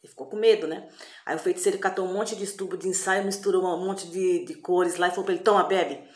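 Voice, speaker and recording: A woman's voice: fairly low pitch, steady tone, fast talker. A woman telling a folk tale in a loose, chatty way, full of little tag questions. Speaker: storyteller. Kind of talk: casual spoken storytelling. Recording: echoey room.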